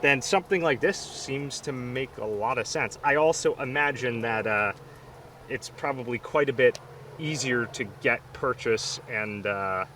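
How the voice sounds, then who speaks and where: Bright, forceful-voiced man chatting outdoors. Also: mid-range voice, unhurried. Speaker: co-host of firearms review. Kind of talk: casual chat, gun review. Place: outdoor shooting range. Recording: distant mic, faint outdoor noise.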